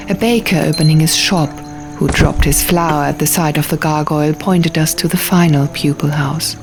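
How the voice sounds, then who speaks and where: A woman with a low, gravelly voice narrates a dramatic first-person fantasy audiobook. Music plays behind her voice.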